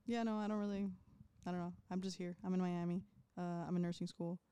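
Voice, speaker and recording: A woman's voice: on the low side, flat delivery, fast talker, warm tone, smooth. A woman in her twenties co-hosting a casual podcast, laid-back and jokey, often trailing off mid-thought. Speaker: podcast co-host. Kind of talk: casual chat. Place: Miami.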